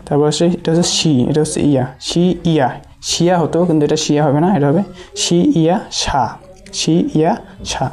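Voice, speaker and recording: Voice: medium pitch, steady tone, fast, a little mellow. A teacher, giving a patient step-by-step language lesson and repeating each syllable while writing.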